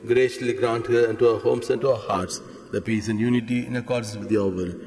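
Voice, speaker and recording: Priest with a cathedral echo. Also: male voice, medium pitch, fairly even intonation, a little mellow. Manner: measured, solemn recitation. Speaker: priest celebrating Mass. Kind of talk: liturgical prayer recitation. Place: large church. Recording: long reverb of a large church.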